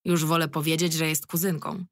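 A woman's voice: sits low, little pitch movement, fairly quick, no room sound, clean studio sound, natural voice. A woman voicing a nervous, cocky young male celebrity actor who complains crudely and defensively. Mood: nervous, indignant.

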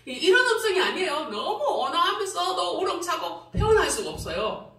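A woman's voice: extremely high pitch, big pitch swings, normal speed, sharp tone. A middle-aged woman pastor gives a testimony sermon, laughing often and re-enacting her own cries to God. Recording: roomy hall from a distance.

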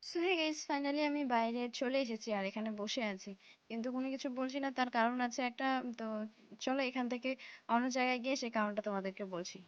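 A woman's voice: fairly high pitch, fast talker, clean tone. A young woman from West Bengal chatting casually to her viewers in a vlog, with lots of fillers, calling them guys. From West Bengal, India. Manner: speaking softly in a hushed voice. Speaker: vlogger. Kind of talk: casual vlog chat to camera. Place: village home, indoors and outdoors. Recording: dull lo-fi phone audio with faint noise.

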